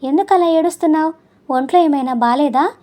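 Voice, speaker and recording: A gentle middle-aged husband from a storybook, calm and soothing in a high, warm voice, as a woman narrator plays him. He talks softly and steadily, full of care. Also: fairly quick, close to an everyday voice. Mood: concerned.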